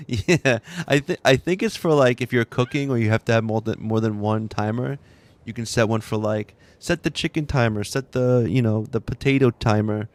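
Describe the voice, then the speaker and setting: A man streams a game from his room at home, chatting casually with viewers and telling rambling, laughing anecdotes full of restarts. His voice is mid-range and his pace moderate.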